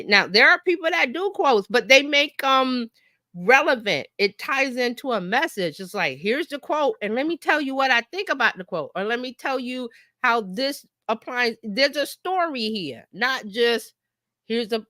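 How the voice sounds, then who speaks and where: Teaching marketing informally on a live stream, this coach is conversational and animated, often dramatizing imagined remarks and checking in with her audience. She sounds a little high, in clean studio sound with no room sound.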